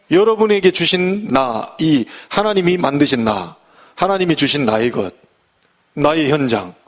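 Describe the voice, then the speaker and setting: A middle-aged male pastor giving a folksy sermon full of humor and rhetorical questions. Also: high-pitched.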